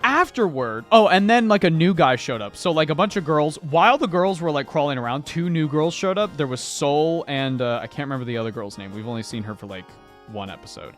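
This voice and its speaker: Animated, swearing man chatting while painting. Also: a little high, fairly quick, faint music behind. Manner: animated, swearing recap with sudden loud bursts. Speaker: streamer painting miniatures. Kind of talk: casual chat while painting.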